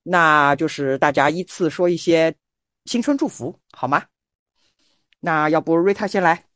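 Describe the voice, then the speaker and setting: A woman's voice: sits low, measured pace, fairly bright tone, no echo, clean studio sound. A woman hosting a casual talk show among a group, explaining and introducing things conversationally. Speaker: podcast host.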